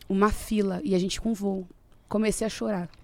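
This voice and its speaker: A young Brazilian woman telling a story in casual chat as a guest, animated and laughing often. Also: mid-range voice, normal speed, dry recording.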